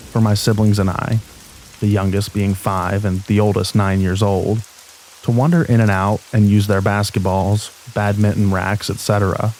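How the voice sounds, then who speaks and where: A man with a fairly low voice narrates scripted scary stories as a sleep aid. His delivery is calm and steady. A soft bed of falling rain runs faintly behind him. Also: slight background noise, rough recording. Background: rain ambience.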